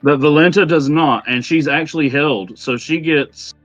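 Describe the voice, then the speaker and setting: A man running a tabletop game as game master, easygoing and quick to laugh. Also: on the high side, fairly bright tone, dry recording. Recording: dull dry sound, faint music.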